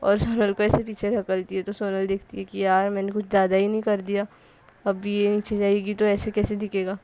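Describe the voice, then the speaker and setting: A woman's voice: mid-range voice, flat delivery, a little fast, mellow. A woman casually retelling a love story, chatting along and voicing the quoted lines as she goes. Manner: chatty, narrates with quoted dialogue and fillers.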